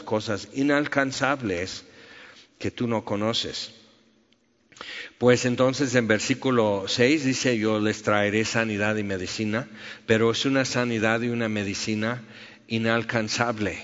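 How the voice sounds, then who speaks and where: A man preaching a sermon, reading scripture and telling stories with sound effects. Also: fairly low pitch. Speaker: pastor. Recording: echoey hall, dull lo-fi sound.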